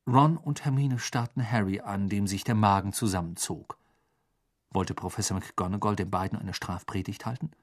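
A man narrating an audiobook in a calm, measured way, giving each character a voice. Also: lowish voice.

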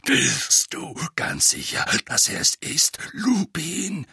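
A grizzled, paranoid old wizard, as a man puts him on growls low and gruff. His voice sounds breathy and close, with swings in its rise and fall. A hard, bright edge runs through every barked warning. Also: wildly swooping pitch, slow pace, dry recording, full character voice. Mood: suspicious.

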